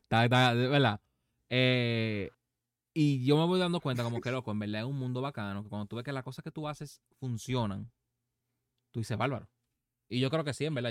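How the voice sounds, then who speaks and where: A Dominican man hosts a relaxed gaming chat in casual speech. His voice is mid-pitched and smooth, recorded dry with no room sound. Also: dry recording. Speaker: podcast host.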